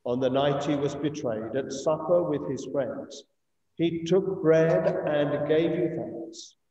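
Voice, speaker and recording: An English priest leads a communion service slowly, reciting a eucharistic prayer in a solemn, measured, deliberately phrased way; his male voice is fairly high and mellow. The echoey church is streamed over a video call, with a distant mic, muffled sound and slight hiss or hum.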